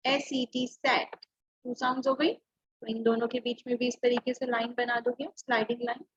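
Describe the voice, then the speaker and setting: A woman's voice: fairly high pitch, fairly bright tone, husky, dull audio. A woman teacher giving an online class, patiently spelling out words letter by letter. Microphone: computer or phone mic on a video call.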